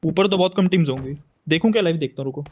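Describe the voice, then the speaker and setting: Slightly high-voiced man joking in game chat. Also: rapid-fire, muffled recording. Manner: joking, banters with teammates. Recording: noisy game audio behind.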